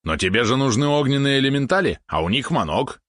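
Man doing an excitable yapping dog spirit. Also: medium pitch, fast, dry recording, studio quality, pitched above the performer's own voice, close to an everyday voice. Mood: eager. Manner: eager, indignant, pushy. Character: excitable talking dog-like male helper spirit.

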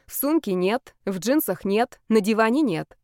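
A woman reading an audiobook voices a brash young woman who is loud and demanding. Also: a little high, lively intonation, normal speed, no echo, studio quality, close to an everyday voice.

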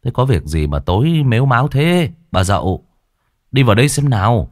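A man voicing a calm, sly young exorcist who talks in a laid-back, dryly teasing way, in a spooky storybook tale. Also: medium pitch, fairly quick, no echo, clean studio sound.

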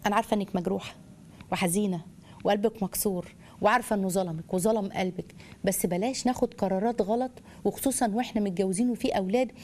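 Fast-talking Egyptian woman giving religious advice. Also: mid-range voice, slight background noise. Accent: Egyptian Arabic. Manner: animated, asks rhetorical questions, addresses listeners as daughters. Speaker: Islamic family lecturer. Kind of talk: religious advice lecture to wives.

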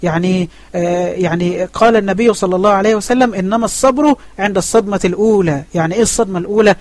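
Fast-talking Egyptian man teaching a lesson. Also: high voice, a little mellow, no echo. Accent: Egyptian Arabic. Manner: asks questions and answers them himself. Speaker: religious teacher. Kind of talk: online religious lesson. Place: online voice chat room.

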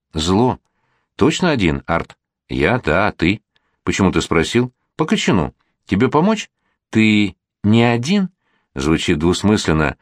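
A man narrating an audiobook in a wry, lively reading, raising his voice for the quoted dialogue. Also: low-pitched, no echo, studio quality.

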